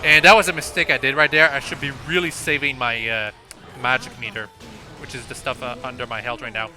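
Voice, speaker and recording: A gameplay commentator talks fairly quickly in a mid-range, steady, sharp-toned voice, casually explaining a video game walkthrough in an informal way. Faint game music plays behind him.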